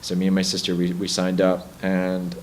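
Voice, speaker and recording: Young male musician guest, very low voice, relaxed and reflective, faint background hiss. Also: moderate pace, low-quality recording. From Bronx, New York. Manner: relaxed, reflective storytelling with hesitant restarts. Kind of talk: casual interview chat.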